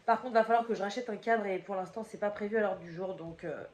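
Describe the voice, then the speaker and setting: Seated at a table at home with her head out of the camera's frame, a woman with a slight cold rambles through a chatty crafting video, full of fillers and false starts. She talks quickly in a medium, somewhat mellow voice, and the audio sounds dull in an echoey room.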